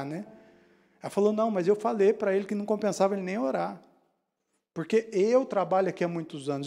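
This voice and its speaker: A man preaching a testimony sermon, telling his story and quoting others in hushed voices. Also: sits high.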